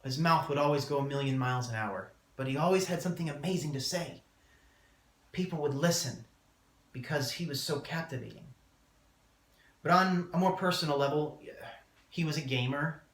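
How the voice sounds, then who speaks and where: A man delivering a prepared eulogy as a speech, solemn and measured, with deliberate pauses. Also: a little high, a bit bright. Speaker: student speaker giving a eulogy. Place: indoor room, public speaking class. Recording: roomy, echoing room sound.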